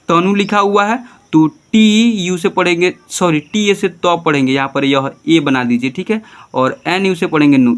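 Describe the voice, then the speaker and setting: A man's voice: sits high, fairly bright tone. A man teaching a class, patiently spelling out names letter by letter and often prompting students to look and follow along. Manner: keeps prompting "ठीक है, देखिए". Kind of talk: classroom-style tutorial.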